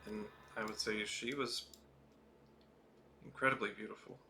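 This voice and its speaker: A wry, doting older brother, played by a man in his everyday voice, ribbing his sibling. The tone is bright and forceful, with a faint hum behind it. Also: fairly low pitch, fairly even intonation, normal speed. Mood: teasing. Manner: wry, gently teasing. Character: teasing older brother, male, adult, doting.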